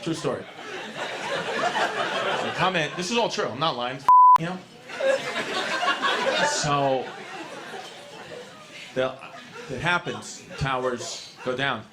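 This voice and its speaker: A man's voice: medium pitch, animated, slow pace, long pauses, over a noisy crowd, very noisy. A man from New York in his thirties doing a stand-up set in a comedy club, brash and profane, rambling and laughing at his own lines.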